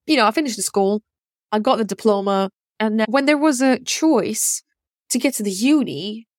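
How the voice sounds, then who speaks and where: In a candid podcast monologue, a thirty-something woman, Ukrainian by origin and brought up in Russia, reflects on personal matters with frequent fillers and false starts. The medium-pitched voice comes through a dry, studio-quality recording.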